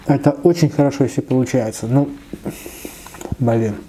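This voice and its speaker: A man's voice: mid-range voice, moderate pace, warm tone, slight background noise, rough recording. A man in his thirties doing a casual mukbang, chatting between bites with his mouth full. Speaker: mukbang eating-show host. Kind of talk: casual mukbang chat while eating. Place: small indoor room, seated at a table.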